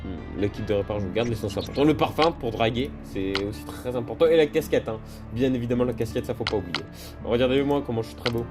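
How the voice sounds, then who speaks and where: Male let's-play host, jokey and excitable, mid-pitched voice, loud game music underneath. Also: fast talker. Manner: jokey, excitable, talks to viewers and game characters. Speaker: gaming video host. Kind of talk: casual let's-play commentary.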